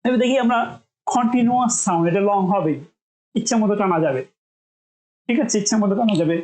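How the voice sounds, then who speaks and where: A woman from Bangladesh gives a spoken pronunciation lesson at a middle pitch. She demonstrates each sound slowly and repeats it several times for her students to copy. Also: darkish tone, reverberant, poor audio. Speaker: English pronunciation teacher.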